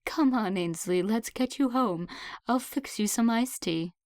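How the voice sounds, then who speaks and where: Meet a fussy grandmotherly neighbor, as the woman reading puts her on, her voice quavering and slightly raised in pitch, fretting and a bit breathless. It's an audiobook read in a dry, close room. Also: measured pace, a little mellow, dry recording. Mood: chirpy.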